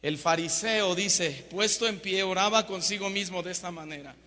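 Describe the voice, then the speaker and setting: Man, preaching, high pitch, very bright tone, long church reverb. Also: moderate pace. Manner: emphatic, swings from loud to hushed. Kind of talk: sermon.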